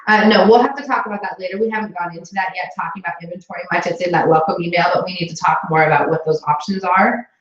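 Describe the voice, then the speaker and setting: A woman's voice: lowish voice, rapid-fire, hardly any pauses. A woman coaching new sales consultants in a casual, encouraging way, talking with lots of fillers in an indoor room. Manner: chatty and encouraging, many fillers. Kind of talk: casual training talk with a live booking call. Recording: echoey room, slightly dull sound.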